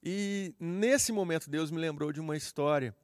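A man's voice: on the high side, normal speed, no room sound, clean studio sound. A man with a Brazilian accent preaching a sermon, telling a personal testimony in an earnest, heartfelt way. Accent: Brazilian Portuguese.

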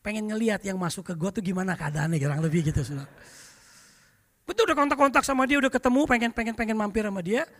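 A middle-aged man preaches in a high, bright voice, spinning lively stories from the pulpit. He keeps turning to speak straight to the congregation. His voice rings with the long reverb of a church hall. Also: fast talker. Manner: lively anecdotal storytelling, often addresses the congregation. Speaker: pastor. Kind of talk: storytelling sermon.

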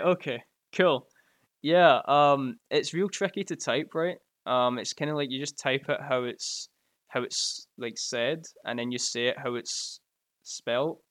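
A man with a Glasgow accent chats and jokes loosely as he reads his stream chat aloud. His voice sits at an ordinary middle pitch. It is recorded dry and close, with almost no room sound. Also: a bit bright, no echo. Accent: Scottish, Glaswegian. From Scotland. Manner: chatty and joking, laughs often. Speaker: live streamer reading chat. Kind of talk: casual live-stream chat. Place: at home by his computer. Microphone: close mic right in front of the mouth.

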